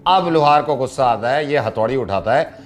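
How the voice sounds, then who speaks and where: A man's voice: mid-range voice, expressive, moderate pace, faint music behind. A man hosting a radio show, making a prank call and telling a joke story to a caller in a teasing, chatty way. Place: radio studio in Delhi.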